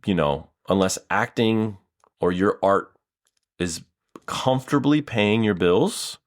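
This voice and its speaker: A man in his thirties, a podcast guest, with a low voice. He rambles through long casual answers and swears now and then. His voice is recorded dry, with no room sound. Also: takes it slowly, no room sound. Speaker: improviser and guest.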